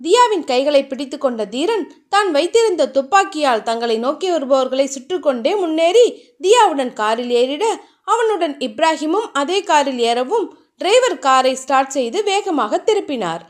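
A young woman reads a novel aloud with a high, clear voice. Her storybook narration is steady and dramatic. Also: normal speed.

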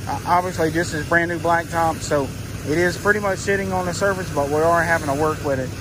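A man's voice: a little high, steady tone, fairly quick. A man giving a folksy, instructional talk outdoors in a parking lot, full of fillers, while a pressure washer runs. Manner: casual, folksy, with frequent fillers. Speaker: pressure washing business owner and trainer. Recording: outdoor clip with loud pressure-washer noise.

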